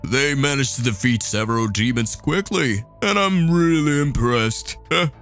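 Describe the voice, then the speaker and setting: A man voicing a creepy, condescending male villain who speaks in a slow, sneering drawl. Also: medium pitch, fairly bright tone, faint music behind.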